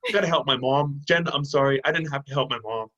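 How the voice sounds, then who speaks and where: A young man in his twenties, a guest telling animated stories with laughs in a casual video call chat. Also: medium pitch, fast. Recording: dull lo-fi video call audio.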